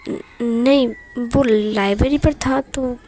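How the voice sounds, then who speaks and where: A man's voice: very high voice, fairly even intonation, slow pace, heavily acted. Lady doing a smug young guy, chill and teasing, kinda bossy. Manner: casual and teasing, firm when hushing. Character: teasing, self-assured young man, calm and bossy.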